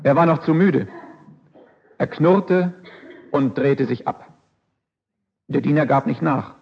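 Male preacher giving a sermon, emphatic and fairly high-pitched, muffled lo-fi sound. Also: takes it slowly, vocal fry, husky. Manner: emphatic, with rhetorical questions and repeated phrases. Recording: dull lo-fi recording.

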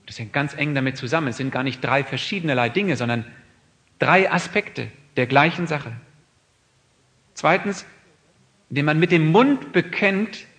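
In a medium-pitched voice, a male preacher gives a searching, earnest sermon built on repeated questions to his listeners. His delivery shifts between soft reflection and loud, emphatic appeals.

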